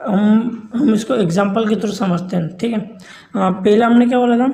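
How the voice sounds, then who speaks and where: A man's voice: sits high, moderate pace, creaky, warm tone, poor audio. A man teaching a grammar lesson, who poses questions and answers them himself and keeps checking in with his listeners.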